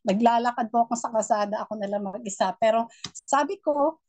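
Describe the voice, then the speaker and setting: A middle-aged woman mentor giving a motivational training talk, with a naturally loud voice and a preachy, encouraging manner. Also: on the high side, fairly quick. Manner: loud voice, warm and preachy, mixing English in. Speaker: network marketing mentor.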